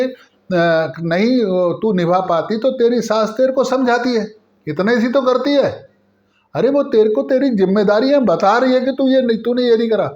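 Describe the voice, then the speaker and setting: A man takes on a caring older mother who talks her grown daughter through her troubles in a patient, earnest, lecturing way. The voice sits fairly high. The storytelling recording sounds dull and lo-fi. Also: darkish tone, natural voice. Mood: earnest advice.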